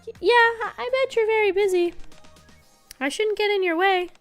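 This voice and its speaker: Little girl game character, acted by a woman, very high voice, bashful, innocent, eager, childlike, music behind. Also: moderate pace. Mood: shy. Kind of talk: dramatic reading of game dialogue.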